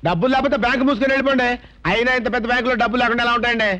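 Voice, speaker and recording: A man's voice: very high voice, steady tone, racing, bright, forceful tone. An actor playing a comic male dupe who whines and wails in melodramatic lament. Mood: indignant. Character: wailing, comic male dupe who has lost his money. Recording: muffled film soundtrack with faint noise.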